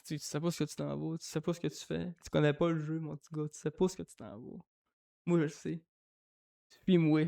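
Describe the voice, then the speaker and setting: A man with a Quebec French accent co-hosting a podcast, telling stories in animated casual chat, swearing and laughing often. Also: a little high, creaky. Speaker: podcast co-host.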